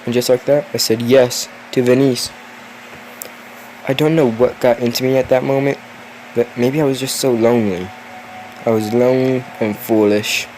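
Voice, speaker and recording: A man's voice: medium pitch, steady tone, normal speed, long pauses, darkish tone, a little hiss or hum, rough recording. Tired young man reading a spooky story. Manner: tired and yawning, chatty asides, swearing now and then. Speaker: story reader. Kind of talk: reading a story aloud with casual asides.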